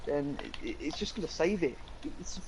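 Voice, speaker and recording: A man's voice: a little high, animated, normal speed, darkish tone, poor audio. A young man, co-hosting a casual live-stream chat, rambling eagerly with lots of fillers. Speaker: co-host.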